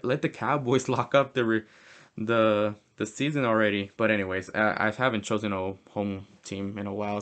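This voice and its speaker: A young man with a fairly low voice talks through his football picks in a loose, casual way. He corrects himself mid-sentence and banters like a fan. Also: a bit bright, clean tone. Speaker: host. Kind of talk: casual sports prediction talk.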